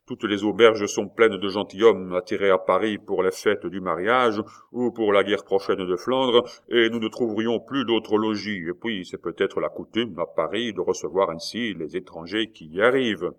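A man reading aloud and voicing a calm, patient young nobleman who speaks in a measured, polite way. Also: on the low side, close to an everyday voice.

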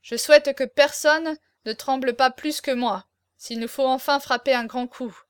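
A woman's voice: high voice, fairly even intonation, moderate pace, clean tone, no room sound, studio quality, close to an everyday voice. A woman reading the part of a scheming, commanding nobleman prince, curt and imperious, in an audiobook. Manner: curt, imperious, louder than the narration.

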